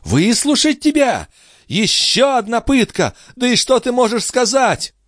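A man voicing a proud young noblewoman, distraught and furious, crying out in a raised falsetto. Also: animated, fairly quick, dry recording, studio quality, natural voice. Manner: shrieking, sobbing cries in a raised falsetto. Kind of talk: dramatic audiobook reading.

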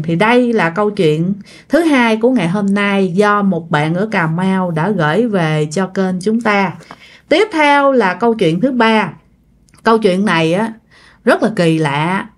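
A woman with a Southern Vietnamese accent, telling a ghost story in a chatty way and speaking straight to her listeners. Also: mid-range voice. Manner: chatty, talks straight to listeners with drawn-out particles. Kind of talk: casual storytelling narration.

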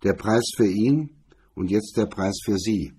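A man's voice: on the low side, a little slow, mellow, breathy edge. A man reading the part of a cool, sneering male blackmailer, in a mocking, condescending tone. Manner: mocking, condescending, hard-edged.

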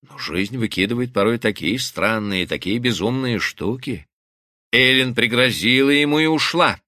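A man's voice: mid-range voice, expressive, moderate pace, bright, forceful tone, no echo. A man narrating a novel as a scripted audiobook, reading expressively and dramatically into a studio mic.

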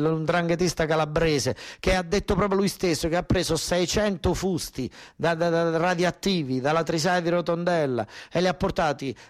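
A male actor with a natural, somewhat high voice performs a colloquial, emphatic theatrical monologue in a southern Italian accent. He plays a desperate working-class son from southern Italy who is an ex-soldier.

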